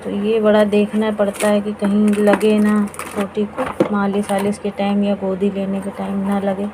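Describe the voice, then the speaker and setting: A woman narrating her daily routine at home for a family vlog, speaking softly so as not to wake a sleeping child. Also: medium pitch, completely flat delivery, normal speed, noisy background. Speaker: vlogger. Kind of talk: casual vlog voice-over.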